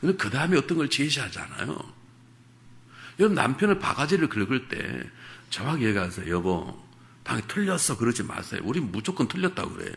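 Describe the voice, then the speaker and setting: A man's voice: mid-range voice, sing-song, a little fast, vocal fry, fairly bright tone. A man preaching a sermon in a church, leading a scripture reading, asking the congregation questions and answering them himself, and acting out everyday quoted speech. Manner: acts out quoted everyday speech to make points. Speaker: guest revival preacher. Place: church sanctuary at a dawn prayer service.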